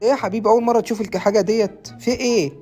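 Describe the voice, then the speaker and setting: A woman's voice: a little high, steady tone, warm tone, soft background music, lightly acted. A woman with an Egyptian accent playing a fed-up adult man who is stuck minding a boy, pleading and exasperated in a comedy sketch. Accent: Egyptian Arabic. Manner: exasperated, pleading, rapid-fire.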